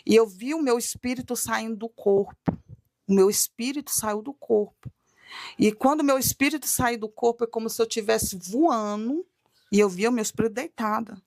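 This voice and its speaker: A woman with a gravelly, fairly high voice recounts a religious testimony with dramatic storytelling. She acts out her own pleading cries as she tells it. The sound is close and dry. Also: normal speed, a little mellow, no room sound. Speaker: guest telling a testimony.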